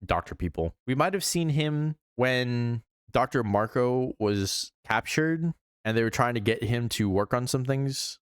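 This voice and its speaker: A man's voice: mid-range voice, animated, a little slow, smooth, no echo, studio quality. A man giving casual, sweary reaction commentary as a streamer, with incredulous asides.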